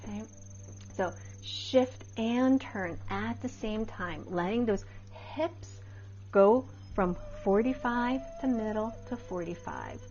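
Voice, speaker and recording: Slow, serene woman cueing tai chi. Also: medium pitch. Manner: calm, unhurried step-by-step instructions with pauses. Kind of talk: serene, guided movement cues. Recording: dull lo-fi audio with background music.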